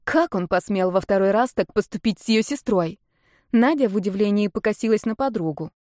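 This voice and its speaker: A woman reading a story aloud in an even, expressive voice. Her pitch sits in the middle of the range. The room is dry and close. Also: a little fast, no room sound. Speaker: narrator.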